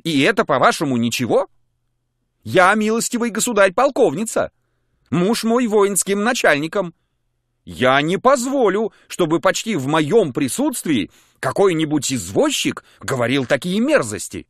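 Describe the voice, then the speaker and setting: A man's voice: high-pitched, sing-song, normal speed, dry recording, voice pushed up. A man voicing a pompous, scheming colonel's wife in an audiobook, indignant and commanding, in a dry close recording. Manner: indignant, commanding, then coyly sweet. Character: pompous middle-aged colonel's widow, haughty and scheming. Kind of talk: audiobook character voice. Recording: dry close studio mic.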